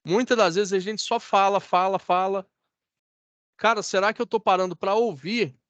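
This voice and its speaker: A man's voice: sits high, fairly even intonation, moderate pace, fairly bright tone, dry recording, lo-fi sound. A man with a Brazilian Portuguese accent teaching an online class over a video call, in a conversational way that keeps checking in with his students. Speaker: course instructor.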